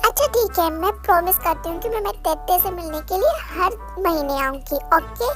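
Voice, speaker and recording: A woman voicing a gentle, doting mother who coaxes her daughter in a soothing way. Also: very high voice, expressive, normal speed. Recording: loud music under the voice.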